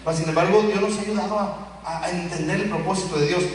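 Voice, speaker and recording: A Mexican pastor with a Mexican Spanish accent and a voice high for a man preaches a sermon fast and in a lively, animated way, acting out the quoted voices of children and parents from his stories. He is heard from far off in a big church hall with long echoes and faint background noise.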